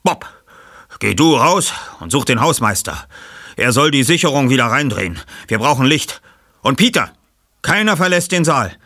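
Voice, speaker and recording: Ein Mann spricht einen ruhig befehlenden jungen Detektiv. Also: male voice, medium pitch, sing-song, moderate pace, bright, forceful tone, dry recording, clean studio sound, voice pushed up, exaggerated voice. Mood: urgent. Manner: commanding, methodical. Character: calm, clever young male detective, the narrator.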